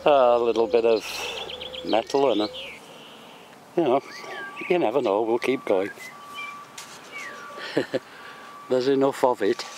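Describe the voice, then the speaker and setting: A British man with a mid-range, darkish voice chats casually while metal detecting on a windy building-site spoil heap, often chuckling at himself in an unhurried, self-mocking way. It was captured outdoors on a handheld camera, and the rough recording carries wind noise.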